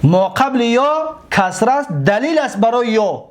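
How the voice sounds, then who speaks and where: A man's voice: very high voice, sing-song. A man with a Tajik accent teaching an Arabic grammar lesson. He drills verb forms, stretching out word endings, and keeps checking that his students are following.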